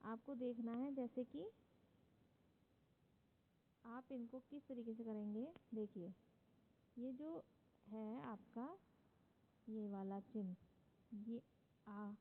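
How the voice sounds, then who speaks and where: A woman teacher with an Indian accent giving a grammar lesson, explaining patiently step by step and often checking in with her students. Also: a little high. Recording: tinny phone-like audio with faint noise.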